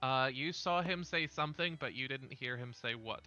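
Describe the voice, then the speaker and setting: A man narrating as dungeon master, in a relaxed way with frequent fillers. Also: mid-range voice, moderate pace, highs cut off, soft background music. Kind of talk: narrating a tabletop game.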